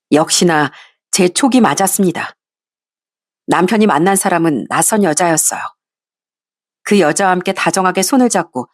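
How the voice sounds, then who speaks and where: A woman's voice: lowish voice, dry recording, studio quality. Woman narrating a first-person story. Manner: confessional, measured retelling.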